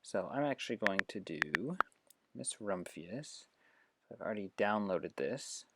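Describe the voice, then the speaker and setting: An educator demonstrates reading apps on screen in an informal, explanatory way, reading some passages aloud. His or her voice is low with lively intonation, and the pace is unhurried. Heavy background noise runs through the recording.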